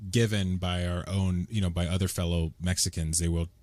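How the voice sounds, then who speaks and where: A young man from California hosting a podcast, relaxed and agreeable in casual chat, often affirming his guest. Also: low voice, brisk, no room sound. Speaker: podcast host.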